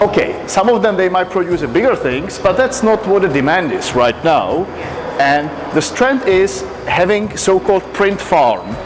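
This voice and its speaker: A man explains his company, repeating words as he gropes for the right English. His voice is slightly high. A lingering reverb and background music fill the recording. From Czech Republic. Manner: halting, repeats words while searching for them. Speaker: company co-founder.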